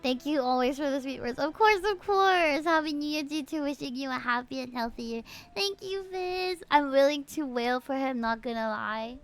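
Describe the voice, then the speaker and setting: A high-voiced woman from the Philippines, a VTuber who hosts game streams, chats effusively and bubbly with viewers, often repeating greetings and thanks, as music plays behind her. She is expressive, speaks at a moderate pace with few pauses, and the recording has no echo.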